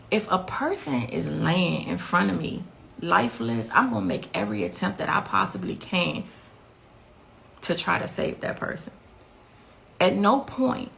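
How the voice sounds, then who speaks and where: A woman's voice: lowish voice, creaky, fairly bright tone, a little hiss or hum. A middle-aged woman speaking as the mother of the victim, giving intense interview testimony and repeating key phrases for emphasis.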